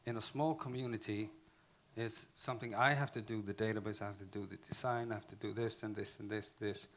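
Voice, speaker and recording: Speaking English at a conference with an Icelandic accent, this man keeps halting, starting phrases over, and correcting himself. His voice is fairly low and steady in tone.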